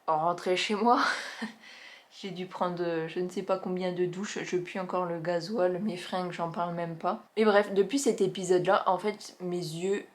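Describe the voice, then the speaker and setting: A woman's voice: fairly low pitch, steady tone, a little hiss or hum. Chatty young woman reviewing skincare. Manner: chatty, enthusiastic, many filler pauses. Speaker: beauty vlogger reviewing finished products. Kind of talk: casual product review vlog.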